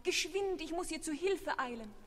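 A woman voicing a little male flea, anxious and grieving, in loud, urgent exclamations in a storybook tale. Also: sits high, fairly even intonation, a little slow, slightly rough, voice pushed up. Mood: distraught.

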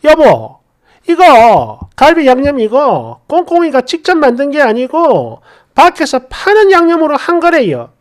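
A woman's voice: high-pitched, huge pitch swings, a little slow, exaggerated voice. A woman voicing a middle-aged mother-in-law who nags in a tut-tutting, passive-aggressive way. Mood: fussing. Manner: tut-tutting, scolding through sighs.

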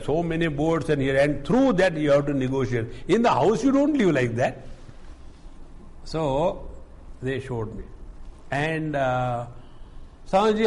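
Slow-talking older Indian-accented swami. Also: male voice, a little high, darkish tone. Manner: deliberate, explains term by term with anecdotes. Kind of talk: spiritual discourse explaining scripture.

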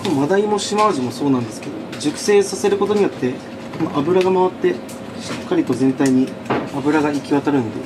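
A man in his thirties talks quickly and easily from behind a small sushi counter, explaining each fish as he prepares it. Restaurant ambience runs loudly under his voice. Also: a little high, background noise. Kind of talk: casual explanation while working.

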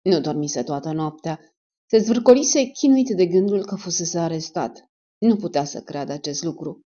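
Woman narrating in a low, mellow voice. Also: animated. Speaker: audiobook narrator. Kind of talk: scripted narration of a spy novel. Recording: dull lo-fi recording.

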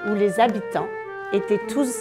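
A woman's voice: mid-range voice, normal speed. Woman storyteller over music. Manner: gentle, rhythmic storytelling. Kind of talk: children's storytime narration.

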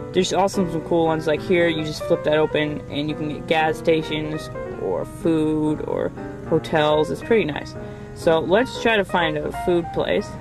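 A man's voice: a little high, gravelly. A young man casually showing phone apps from inside a car, rambling with lots of fillers. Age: young adult. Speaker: tech reviewer. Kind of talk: casual app demo vlog.

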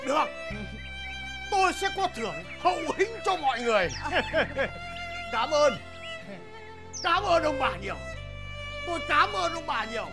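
A man's voice: extremely high pitch, big pitch swings, a little slow, gravelly, pauses often, exaggerated voice. A middle-aged man playing a wealthy father in a folk comedy TV drama, laughing often as he talks, with music playing behind. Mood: grateful. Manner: laughing, jovial. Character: wealthy father, jolly official. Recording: music playing under the dialogue.

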